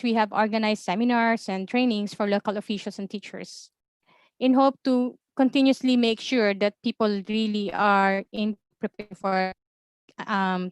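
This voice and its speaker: Speaking with a Filipino accent, a woman from the Philippines gives a webinar presentation as an observatory information officer. She's measured but fills pauses with many ums and uhs, her medium-pitched voice clear and resonant. The recording is dry.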